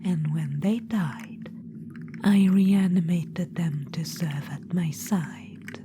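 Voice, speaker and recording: In an ASMR roleplay, a woman voices a vain undead witch-queen necromancer, whispering softly and slowly in a lowish register. Smug, boastful and self-satisfied, she keeps calling the listener darling. A steady background noise sits under the whisper.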